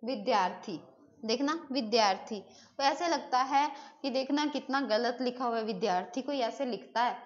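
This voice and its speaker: A woman's voice: fairly high pitch, moderate pace, dull audio. A woman teaching Hindi grammar in a live online class, talking casually and replying to students' messages, with English words mixed in. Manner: chatty, answers students' chat messages, mixes in English words.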